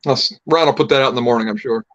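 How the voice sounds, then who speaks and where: A man's voice: mid-range voice, rapid-fire, fairly bright tone, dry recording. A man co-hosting a casual live stream in a chatty, agreeable way, on slightly lo-fi call audio.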